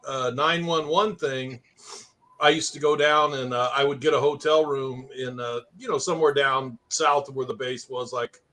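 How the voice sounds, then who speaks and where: A man's voice: mid-range voice, fairly even intonation, moderate pace, bright, forceful tone. A middle-aged man telling rambling stories in a casual chat, laughing often.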